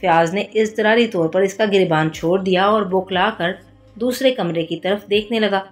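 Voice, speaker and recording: A woman's voice: medium pitch, moderate pace. Woman narrating a detective story. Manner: steady storytelling delivery. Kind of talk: audiobook narration of a detective novel. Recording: soft background music.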